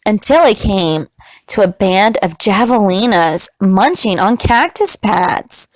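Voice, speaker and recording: Slow, lively-voiced woman reading a story. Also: no room sound, rough recording. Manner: slow, highly expressive storytelling. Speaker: teacher reading aloud. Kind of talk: storybook read-aloud for children.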